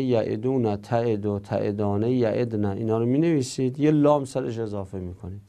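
A man's voice: medium pitch, creaky, warm tone. A man teaching a grammar lesson, reading each rule aloud and then explaining it step by step. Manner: methodical, reads rules aloud then explains them.

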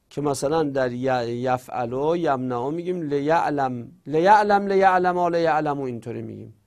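A man's voice: fairly high pitch, vocal fry, darkish tone. A man teaching a grammar class, explaining step by step and repeating each example aloud.

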